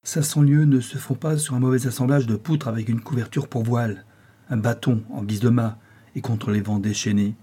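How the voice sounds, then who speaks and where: A man's voice: mid-range voice, fairly even intonation, normal speed, warm tone, slightly rough, lightly acted. A man voicing an earnest young man who firmly reasons with his uncle in an audiobook. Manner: firm, reasoned pleading.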